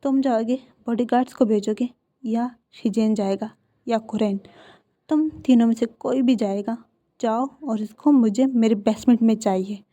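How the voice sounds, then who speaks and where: A woman voicing a strict, scolding mother of grown sons, who talks loud and stern. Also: fairly high pitch, moderate pace, close to an everyday voice. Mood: angry.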